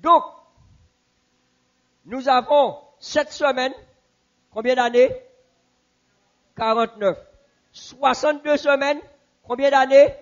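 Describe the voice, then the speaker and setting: A man teaching a Bible class in a church, asking the audience questions and repeating answers slowly. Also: very high-pitched, fairly even intonation, lo-fi sound.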